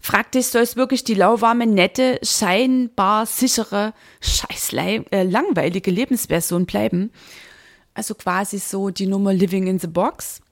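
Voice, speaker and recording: A woman coach speaking straight to the listener in a motivational podcast monologue, emphatic and exhorting, stressing key words, with a husky, creaky voice. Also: mid-range voice, unhurried. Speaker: business mindset coach, podcast host.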